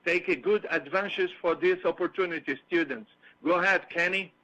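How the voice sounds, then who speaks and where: A man's voice: high voice, moderate pace, bright, forceful tone. A man, an amateur radio operator, giving a formal greeting over the air. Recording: dull radio conference line.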